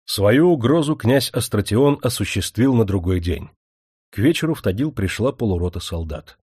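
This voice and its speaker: A man reading a historical novel aloud as narrator, steady and even. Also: lowish voice, normal speed, breathy edge, no echo, clean studio sound. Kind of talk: scripted audiobook narration.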